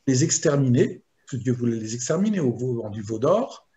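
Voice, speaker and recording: A man teaching a Torah lesson as a rabbi, explaining slowly and chanting Hebrew verses in between. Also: medium pitch, sing-song, dark tone. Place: video lesson.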